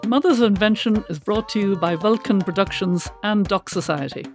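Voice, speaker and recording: A woman's voice: mid-range voice, a little fast, music in the background. A woman co-hosting a podcast who speaks with a dry, wry humor, asking questions and reading the outro. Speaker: podcast co-host. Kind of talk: podcast chat and scripted outro.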